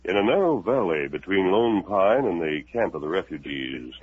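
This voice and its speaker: An actor playing the Lone Ranger, a calm, resolute masked hero, speaking in a steady, persuasive way in a 1950s radio drama. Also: male voice, deep voice, normal speed, breathy edge, heavily acted. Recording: tinny narrow old radio recording.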